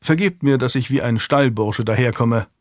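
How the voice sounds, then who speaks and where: Man doing a courtly young earl, gentle teasing, mid-pitched, close dry audiobook sound. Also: moderate pace, dry recording, lightly acted.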